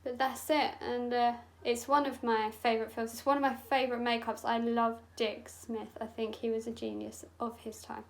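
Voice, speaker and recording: A woman's voice: a little high, level tone, normal speed, hardly any pauses, rough recording. A young woman, a makeup artist, telling a story in a chatty, sweary, dramatic way while doing her makeup.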